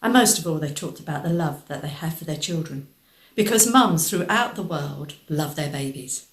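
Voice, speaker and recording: A woman charity worker presenting in calm, measured scripted narration, putting questions to the listener. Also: low voice, reverberant.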